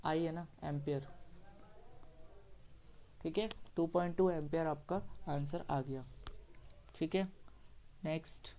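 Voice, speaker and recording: A male teacher lectures in a mellow, warm voice. He works through each step methodically, asks questions and answers them himself, and keeps checking that the class is following. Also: on the high side. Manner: repeats "theek hai" to check understanding. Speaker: science teacher.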